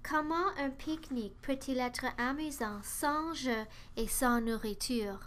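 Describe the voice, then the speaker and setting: A woman's voice: high-pitched, a little slow, a bit bright, a little hiss or hum. A woman voicing an eager, impatient little girl in a storybook reading. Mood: exclaiming.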